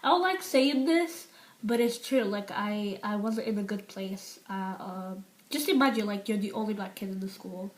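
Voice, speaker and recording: In a mid-range voice at normal speed, a seventeen-year-old vlogger from the UK talks openly to camera in an unscripted confession. She rambles with lots of fillers and restarts, and painful topics bring her down to a near whisper.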